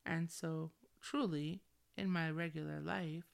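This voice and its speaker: A woman's voice: low voice, fairly even intonation, takes it slowly, creaky. A middle-aged woman talking candidly on a solo podcast in a chilled, slangy way, with a valley-girl habit of peppering sentences with "like". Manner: valley-girl style with frequent "like". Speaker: podcast host.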